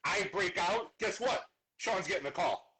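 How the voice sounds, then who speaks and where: A man who is a chef, chatting as a guest on a video-call interview in a lively, agreeable way. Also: high-pitched, a little slow, a loud crowd, low-quality recording. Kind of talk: casual interview chat.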